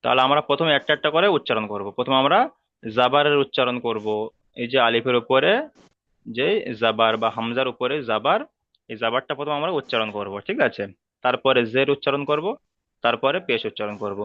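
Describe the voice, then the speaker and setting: A man teaching letter sounds in an online class, patient and repeating each rule slowly. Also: mid-range voice, dry recording, lo-fi sound. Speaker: Quran reading teacher.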